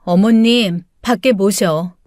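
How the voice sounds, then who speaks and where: A woman's voice: medium pitch, slow pace, a little mellow, no echo, clean studio sound, natural voice. A woman voicing a furious, protective daughter-in-law who speaks sharply and indignantly. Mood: cold furious.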